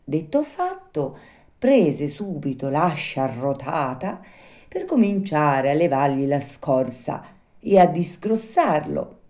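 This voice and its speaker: A woman narrating a storybook tale aloud with an expressive reading voice. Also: low-pitched, takes it slowly.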